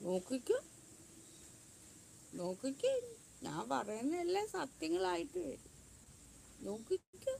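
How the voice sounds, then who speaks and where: A woman's voice: sits high, sing-song, a little slow, creaky, long pauses, dark tone, a little hiss or hum. A woman in a defiant vlog monologue who repeats herself and speaks of herself in the third person. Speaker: YouTube channel owner.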